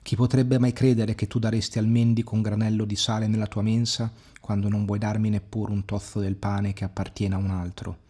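A man's voice: lowish voice, little pitch movement, fairly quick, hardly any pauses, warm tone, breathy edge. A man voicing an old disguised beggar king. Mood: cold. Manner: pleading, then cold and commanding.

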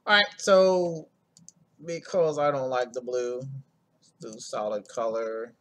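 A man's voice: mid-range voice, steady tone, takes it slowly, fairly bright tone. A man hosting a screen-recorded coding tutorial, talking in a laid-back, rambling way full of ums and asides.

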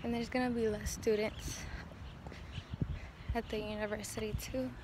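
Higher-voiced young woman vlogging while on the move. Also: level tone, normal speed. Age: young adult. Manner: talking while on the move outdoors, walking or running. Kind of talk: casual chat to camera. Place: outdoors in the open air. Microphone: phone on a selfie stick at arm's length. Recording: noisy outdoor phone recording.

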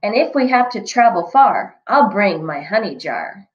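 A woman voicing a gentle, honey-loving male teddy bear in sing-song rhyme. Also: mid-range voice, very animated, unhurried. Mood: cozy. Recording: echoey room, dull lo-fi sound.

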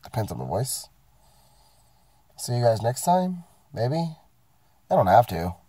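A man vlogging from his parked car complains casually about his work week as illness sets in, cursing, rambling and poking fun at himself on camera. His mid-range voice is warm with a breathy edge, a little slow, and swings widely in pitch. No room sound is audible.

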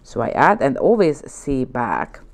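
Seated at an indoor nail studio desk with the camera looking down on her hands, a Hungarian woman narrates nail art as she works. Her bass voice is unhurried and gravelly, and her coaxing, gentle guidance is peppered with "okay?" in her native-Hungarian accent.

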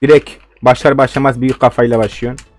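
A man's voice: medium pitch, level tone, fast, a little mellow. A young man giving live game commentary, ranting and swearing in frustration at his opponents. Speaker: gaming video host.

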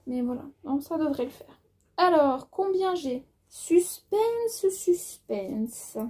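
A woman's voice: sits high, moderate pace, darkish tone. A woman with an accent of her own, chatting casually in a sewing haul video, thinking aloud as she measures fabric, with plenty of hesitations and filler words. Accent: has an accent of her own. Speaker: sewing vlogger.

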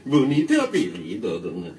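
A man's voice: on the low side, wildly swooping pitch, normal speed, reverberant. A middle-aged man with a rural Brazilian accent, playing a simple, flirtatious country bumpkin in a comedy sketch. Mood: flirtatious, folksy. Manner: folksy, ends phrases with a questioning tag. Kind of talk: comic sketch acting. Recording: distant mic, loud crowd noise. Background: loud crowd.

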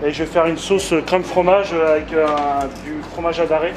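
A man's voice: on the high side, brisk, background noise. A man in his thirties, a chef, casually explaining his food with many hesitations. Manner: relaxed, hesitant with many "euh".

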